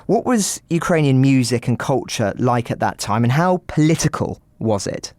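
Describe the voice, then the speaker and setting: A man interviewing a guest on a podcast, asking measured, guiding questions. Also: medium pitch, lively intonation, a little mellow, no room sound.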